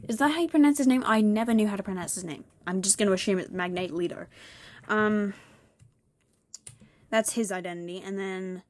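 Young woman rambling fast on her podcast, dry close sound, laughs a lot. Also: medium pitch, dry recording. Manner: chatty, rambling, laughs often, quick talker. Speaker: podcast host. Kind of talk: casual solo podcast.

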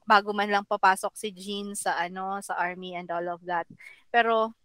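A woman's voice: medium pitch, steady tone, moderate pace, fairly bright tone, clean tone, no room sound. A woman co-hosting a podcast in casual chat, mixing English phrases into her talk. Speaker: podcast co-host.

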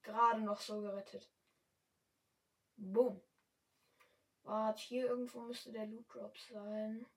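Young woman streamer, standard German, chatty and excitable; higher voice, slow deliberate delivery. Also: distant mic, low-quality recording. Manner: chatty, excitable, yelps and exclaims often. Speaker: gamer streamer. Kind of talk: casual gameplay commentary.

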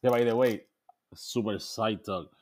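A man's voice: lowish voice, slow. A man, co-hosting a podcast in casual, profane chat and mixing in English phrases. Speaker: podcast co-host.

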